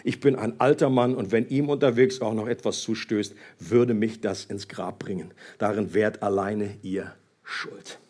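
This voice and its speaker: Man voicing a grieving old father, low, sorrowful, husky, Bible story reading. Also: steady tone, unhurried, darkish tone. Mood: despairing.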